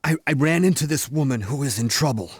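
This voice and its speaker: An actor playing a young policeman in a game cutscene, speaking in an anxious, halting way. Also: medium pitch, animated, breathy edge, no echo, clean studio sound. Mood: worried.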